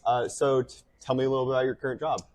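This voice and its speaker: A man's voice: mid-range voice, little pitch movement, racing, a little mellow. A man interviewing a guest, asking loose questions padded with "like". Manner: loose, filler-heavy questions.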